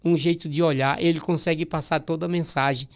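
A Brazilian comedian with a high, gravelly voice tells stories in an interview. He speaks in a Brazilian Portuguese accent and acts out the people in his stories, with an animated delivery. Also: brisk. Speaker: comedian guest. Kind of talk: storytelling anecdote in a podcast interview.

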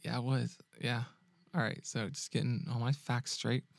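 A man's voice: medium pitch, moderate pace, gravelly, dry recording. A man with an ordinary mid-range voice shares a personal story on his podcast, recorded dry with no room sound. He talks casually and animatedly, chuckles often and stumbles into restarts as he goes. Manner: animated, laughs often, frequent restarts and check-ins with the listener. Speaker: podcast host and dating coach.

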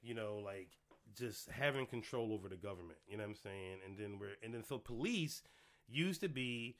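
Lively opinionated man in his forties. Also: lowish voice, normal speed. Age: 40s. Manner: opinionated, lively, loud laughs. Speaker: podcast co-host. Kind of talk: casual chat.

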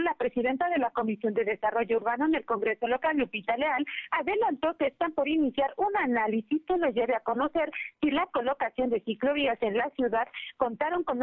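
High-voiced reporter on a phone line. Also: female voice, no room sound. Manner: reads report steadily, uses "pues" as a filler.

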